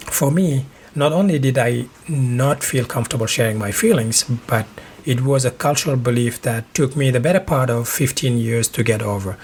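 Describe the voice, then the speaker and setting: A man from Senegal hosting a solo advice podcast, speaking in a calm, measured, reflective way. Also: medium pitch, slight background noise. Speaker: podcast host.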